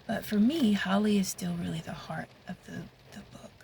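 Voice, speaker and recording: A woman sits in a parked car and talks casually to her camera about her writing. She rambles, thinks aloud and restarts her sentences, her voice at an ordinary middle pitch. Faint rain drums on the car roof behind her. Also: moderate pace, vocal fry, a little mellow, slight background noise, poor audio. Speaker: romance author. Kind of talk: casual vlog monologue. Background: rain falling on the car.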